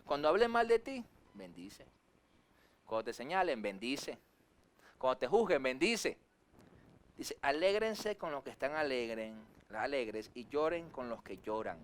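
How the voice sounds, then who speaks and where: A man preaching a sermon as pastor, swinging his voice up and down for emphasis and acting out quick asides. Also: medium pitch. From Venezuela. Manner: preachy, rises and drops sharply for emphasis, acts out quick asides.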